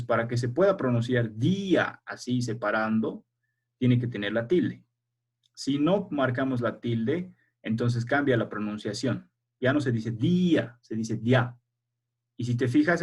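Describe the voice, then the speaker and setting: A man's voice: medium pitch, breathy edge. A man teaching a primary school language class over a video call, explaining patiently step by step and checking that the children follow.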